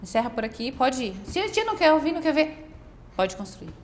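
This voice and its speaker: Animated woman with a high voice. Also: a little fast. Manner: animated storyteller, quotes others often. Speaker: guest. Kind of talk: casual testimony in a faith conversation. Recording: faint background noise.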